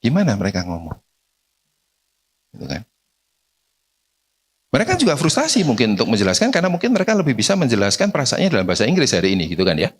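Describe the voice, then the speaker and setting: A man lecturing parents in a relaxed, talkative way, checking in with the crowd after nearly every sentence. His pitch swings up and down a lot as he speaks. He sits at an ordinary middle pitch. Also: fast talker, long pauses, breathy edge. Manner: conversational, constant tag questions to audience; acts out short everyday dialogues.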